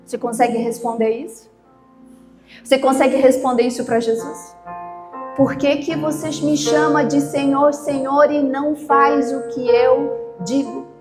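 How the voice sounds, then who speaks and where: A woman pastor preaching a sermon, slow and emphatic, shifting between loud outbursts and hushed questions. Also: high voice, flat delivery. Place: church. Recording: echoey church with soft music. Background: soft instrumental music.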